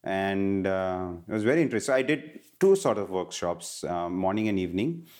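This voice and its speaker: A man's voice: low-pitched, lively intonation, brisk, a little mellow. A middle-aged man from India in a casual interview, explaining things earnestly and animatedly, often restarting his phrases. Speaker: guest, wellness educator.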